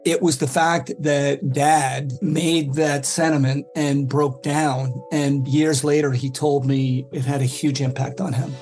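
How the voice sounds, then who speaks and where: A man's voice: a little high, level tone, takes it slowly, few pauses, a little mellow, faint music behind. A man giving an earnest personal testimonial in an ad.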